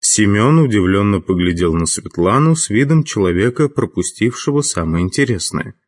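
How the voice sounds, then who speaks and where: A man narrating an audiobook in a steady, even reading voice. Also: fairly low pitch, moderate pace. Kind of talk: scripted narration.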